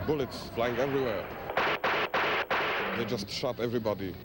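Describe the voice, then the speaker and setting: A man's voice: medium pitch, moderate pace, heavy background noise. A man, speaking as an eyewitness in plain, blunt short sentences. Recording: interview with loud music under it.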